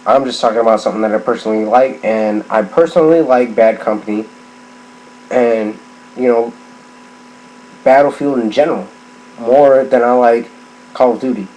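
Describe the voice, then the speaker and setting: A drunk middle-aged man rambles through a casual rant in a somewhat low voice. He halts, repeats himself and circles back on phrases. There is some ambient noise behind him. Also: moderate pace, pauses often, a little mellow. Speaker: gaming vlogger. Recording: clearly noisy background ambience.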